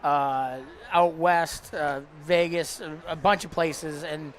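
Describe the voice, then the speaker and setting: A man being interviewed as a parts vendor, speaking in an emotional, heartfelt way with halting pauses. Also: a little high, fairly even intonation, a little hiss or hum. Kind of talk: live interview.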